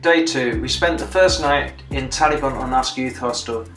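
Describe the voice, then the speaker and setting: A British veteran in his sixties narrates a video diary of a commemorative bike ride, reflective and plain-spoken with dry understatement. His medium-pitched voice moves at normal speed in an echoey room over music.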